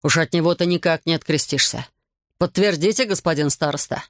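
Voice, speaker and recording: A reader voicing an estranged husband who talks in a hurried, cold way in a dry, gravelly voice. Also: medium pitch, dry recording, lightly acted. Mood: bitter, furious. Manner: hurried, cold, then shouting. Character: bitter, controlling estranged husband.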